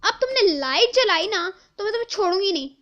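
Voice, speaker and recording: A woman playing a loud scolding stepmother. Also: extremely high pitch, lively intonation, fast, dull audio, soft background music. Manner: shouting, scolding.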